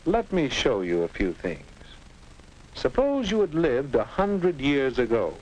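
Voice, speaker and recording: A man playing a patient, instructive narrator in a 1950s educational film, guiding a teenager in a reassuring, measured way. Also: medium pitch, big pitch swings, a little mellow, low-quality recording.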